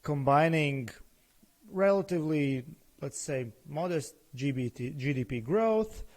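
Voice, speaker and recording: A man's voice: fairly high pitch, expressive, a little slow, darkish tone. A man co-hosting a podcast, asking questions in a hesitant way as he searches for words. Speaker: podcast co-host. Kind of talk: casual chat.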